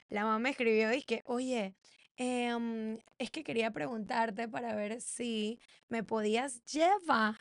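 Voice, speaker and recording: A woman chats casually as a podcast co-host, animated and full of laughs as she acts out other people's lines. Her voice sits a bit high. The sound is close and dry, with no room in it. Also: no room sound. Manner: animated storyteller acting out quoted voices with laughs. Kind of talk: casual chat.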